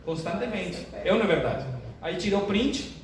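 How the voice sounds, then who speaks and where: An older man, a pastor, opening his sermon with jokes in a chatty, animated way. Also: sits high, moderate pace. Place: church sanctuary. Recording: echoey church hall, distant mic, room noise.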